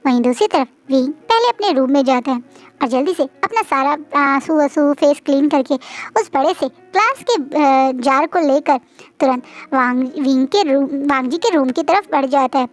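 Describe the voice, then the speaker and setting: A woman's voice: high-pitched, moderate pace. A woman narrating and explaining a fan fiction story in a chatty way, with frequent hesitations.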